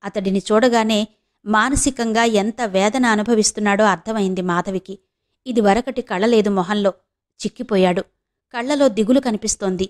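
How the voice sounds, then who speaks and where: A woman from Andhra Pradesh narrating an audio novel, shifting her tone slightly for each character's lines. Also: normal speed. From Andhra Pradesh, India. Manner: reads the characters' lines with small shifts of pitch and pace.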